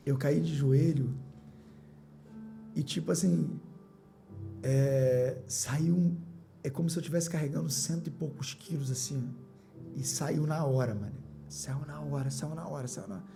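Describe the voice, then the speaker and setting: A man's voice: on the high side, a little slow, creaky, long pauses, dark tone, faint music behind. A middle-aged man, a business owner and podcast guest, telling a personal story with emotion, repeating phrases and acting out his own past words.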